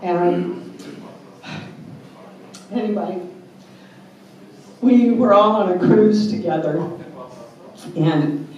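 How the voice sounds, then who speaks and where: A woman tells chatty stories and a joke at a memorial gathering, in an unhurried, mid-pitched voice. She sits well back from the mic, and her voice rings through a very reverberant hall over faint room ambience. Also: darkish tone, highs cut off, slight background noise. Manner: chatty storyteller, joke-telling. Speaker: family member giving a tribute. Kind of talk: anecdotal memorial speech. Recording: very echoey hall, mic far off.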